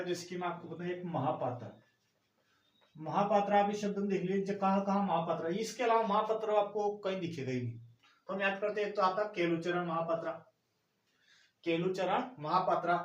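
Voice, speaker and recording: A male teacher runs an exam-prep lesson and keeps quizzing his students with rhetorical questions. His voice is fairly high. He sounds roomy and set back from the microphone. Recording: echoey room, mic at a distance.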